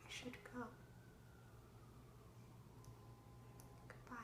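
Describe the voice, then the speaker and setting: A fragile, haunted young actress, played by a young woman in a stage monologue, her slightly high voice drifting down to hushed whispers and back up to raised outbursts. She takes her time, lingering over every line. The sound is roomy and echoing. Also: steady tone, takes it slowly, slight background noise. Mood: wistful. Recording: echoey room.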